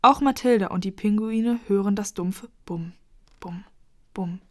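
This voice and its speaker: A woman's voice: medium pitch, unhurried. Woman reading a children's story. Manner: lively, expressive.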